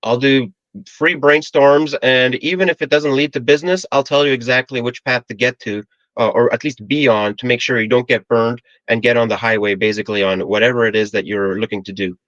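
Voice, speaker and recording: A man's voice: mid-range voice, steady tone, brisk, fairly bright tone, no room sound, dull audio. A man in his forties from the Philippines, a podcast guest talking in a friendly, joking way. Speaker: guest, AI consultant. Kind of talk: casual interview chat.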